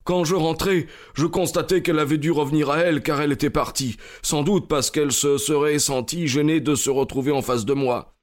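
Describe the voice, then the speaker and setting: A man's voice: on the high side, steady tone, a little fast, natural voice. An actor playing a burly, sheepish male police constable who talks hesitantly and apologetically in a radio drama. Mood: apologetic. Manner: hesitant, apologetic, with filler sounds.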